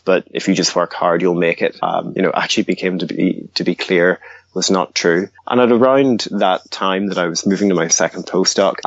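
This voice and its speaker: A man with a very low voice, from Northern Ireland and raised in the Scottish Highlands, talking through his career as an interview guest. He pauses often, with plenty of ums and restarts. The sound is dry and slightly muffled. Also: no room sound. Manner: hesitant, many ums and restarts. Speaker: guest, research advocacy director. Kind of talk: interview conversation.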